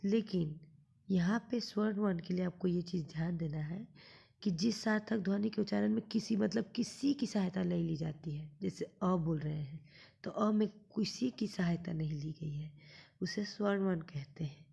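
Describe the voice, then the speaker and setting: Woman teacher for a class lesson: husky, gravelly delivery, patient and explanatory, poses questions to students then answers them herself. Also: lowish voice, dark tone. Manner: draws out sounds slowly when demonstrating.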